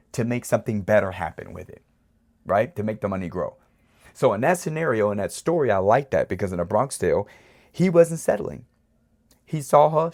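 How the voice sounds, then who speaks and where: A man with a fairly low voice gives a loose, casual motivational talk to his viewers. He rambles a bit and keeps checking in with the listener. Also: a little mellow. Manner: rambling, repeatedly asks "right?". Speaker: channel host.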